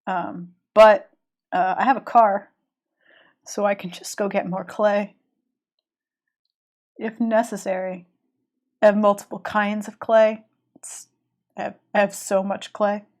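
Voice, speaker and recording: Speaking slowly and pausing often, this woman has a mid-range voice with little movement in pitch. She's got a cold and is drawing on a live stream, chatting in a loose, rambling way with frequent restarts.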